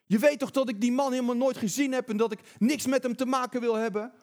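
A man's voice: very high voice, fairly even intonation, quick pace, a little mellow, voice pushed up. Man doing a cursing man in a panic. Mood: furious. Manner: agitated, defensive.

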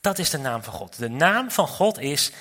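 A man's voice: on the high side, sing-song, moderate pace, bright, forceful tone, big-room sound. A man giving a sermon, explaining a Bible passage in a teaching manner with chatty asides to his listeners. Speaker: preacher.

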